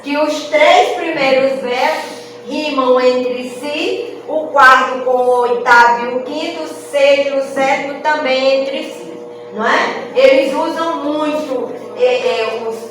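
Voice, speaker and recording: Lady poet teaching verse, high voice, far off in a big echoey room. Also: slow pace, a bit bright, a little hiss or hum. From Rio Grande do Norte, Brazil. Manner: explanatory, checks in with "não é?". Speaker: cordel poet and speaker. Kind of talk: lecture at a literary festival. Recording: echoey room, mic far off, music behind.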